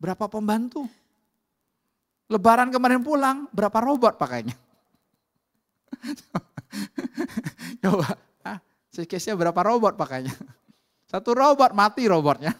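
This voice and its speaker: A man with an Indonesian accent preaching a conversational sermon to his congregation. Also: very high voice. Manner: animated storytelling with acted quotes. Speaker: pastor.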